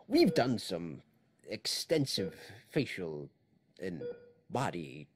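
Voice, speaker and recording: A man playing a sinister, soothing caretaker in a game, gravelly and measured. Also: low voice, wildly swooping pitch, heavily acted. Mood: eerily reassuring. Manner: slow, measured reassurance.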